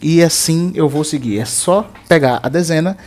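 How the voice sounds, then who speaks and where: A man teaching English in a patient, step-by-step language lesson, repeating words slowly for practice. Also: on the high side, a little mellow.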